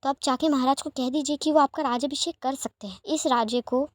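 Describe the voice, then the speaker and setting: A woman voicing a gentle, apologetic young man in a fanfiction reading, soft-spoken and pleading. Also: high voice, fairly even intonation, fairly quick, no echo, lightly acted. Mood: tender.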